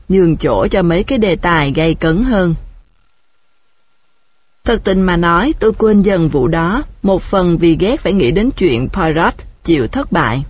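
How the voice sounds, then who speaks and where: A woman narrating an audiobook in a steady, measured storytelling manner. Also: on the low side, husky, dry recording. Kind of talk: audiobook reading. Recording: dull, dry recording.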